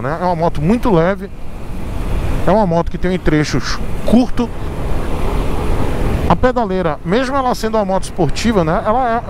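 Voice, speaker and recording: Chatty Brazilian man on a moving motorbike. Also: sits high. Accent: Brazilian Portuguese. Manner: chatty, addresses viewers as galera. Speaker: motovlogger. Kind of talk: casual motorcycle review while riding. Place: on a motorcycle in city night traffic. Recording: outdoor traffic and wind noise.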